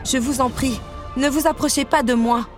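A woman's voice: high-pitched, fairly even intonation, normal speed, crowd noise, voice pushed up, natural voice. Woman doing a tense, commanding young queen. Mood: sharp. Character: cold, guarded young queen with icy powers. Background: music.

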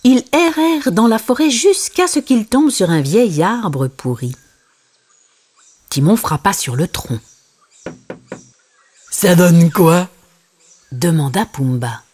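A woman reading a children's storybook aloud in a gentle, expressive way. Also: mid-range voice, a little slow, slightly rough.

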